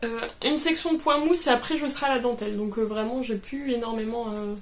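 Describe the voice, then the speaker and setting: A woman's voice: a little high, quick pace. A young woman chatting about her knitting projects, hesitant and full of fillers, cheerful and laughing often. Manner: hesitant, many fillers and restarts. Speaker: knitting vlogger. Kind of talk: casual show-and-tell chat.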